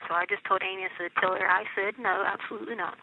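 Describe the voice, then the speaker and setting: Speaking rapid-fire with vocal fry and fairly even intonation, a middle-aged American woman of medium pitch chats with someone from jail. The narrow phone line is tinny, with a little hiss or hum. She's colloquial, insistent, and keeps confirming she's understood.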